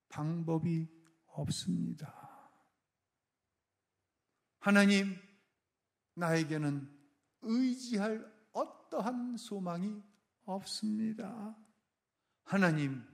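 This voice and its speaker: A man's voice: sits high, vocal fry, heavily acted. A man voicing a despairing king who prays to God in helpless, pleading words. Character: despairing king at the end of his strength.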